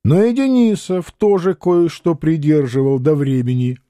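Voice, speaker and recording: Male audiobook narrator, mellow, dry. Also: on the high side, normal speed, no room sound. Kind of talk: audiobook narration of a historical novel.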